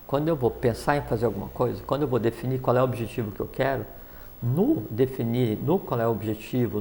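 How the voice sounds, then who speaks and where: A man's voice: mid-range voice, darkish tone, slight background noise. A man explaining spiritual teachings in a rambling talk, with many fillers and restarts.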